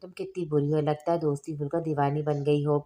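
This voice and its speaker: A woman's voice: deep voice, level tone, a little fast, dark tone, close to an everyday voice. A woman voicing a chirpy, impulsive young bride who chats and teases. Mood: chatty.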